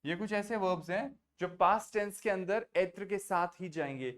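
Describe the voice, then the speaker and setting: A man's voice: sits high, moderate pace, fairly bright tone. Man teaching French, mixing in Hindi. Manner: patient, checks understanding often; mixes Hindi and English, spells out French verb forms. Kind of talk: online class teaching.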